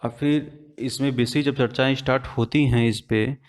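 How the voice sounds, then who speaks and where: The speaker is a man teaching an exam-prep lesson, going step by step and often answering his own questions to the class. His voice sits at an ordinary middle pitch, with a steady tone and normal speed.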